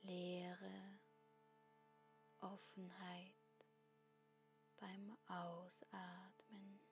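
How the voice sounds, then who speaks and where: Woman, guided breathing meditation, soft spa whisper, soothing, creaky edges, faint music behind. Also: medium pitch, flat delivery, extremely slow. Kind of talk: guided meditation, slow instructions with long pauses.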